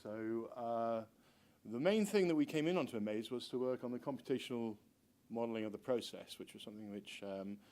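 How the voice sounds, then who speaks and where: A middle-aged man who is a university researcher, giving a conference presentation in an informal, hesitant, halting way. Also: mid-range voice, darkish tone. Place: lecture room with seated audience.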